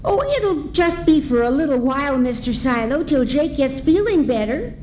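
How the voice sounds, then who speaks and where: A woman's voice: sits high, expressive, moderate pace, darkish tone, poor audio. A woman playing an eager, wholesome young orphan girl in an old-time radio serial, earnest and folksy. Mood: earnest, cheerful. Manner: folksy, earnest, chipper exclamations. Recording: faint background noise, live event.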